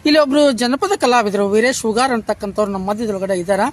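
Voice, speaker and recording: A man's voice: high voice, fast. Male interviewer. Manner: steady, prompts with short hums. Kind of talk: casual interview.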